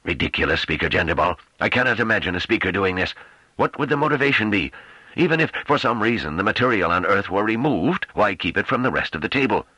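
A man's voice: fairly low pitch, expressive, quick pace, sharp tone, breathy edge, no echo, pitched above the performer's own voice, exaggerated voice, rough recording. A man reading an audiobook, voicing an indignant male council leader who speaks formally.

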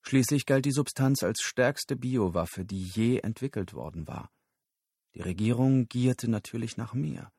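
A man narrating an audiobook in a steady, measured storytelling voice. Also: medium pitch, gravelly, breathy edge, dry recording, studio quality.

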